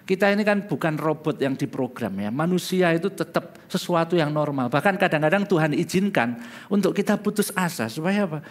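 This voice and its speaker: High-voiced man preaching. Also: animated, fairly quick. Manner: preaching with big swings between hushed low and loud high delivery. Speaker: pastor. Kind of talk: sermon.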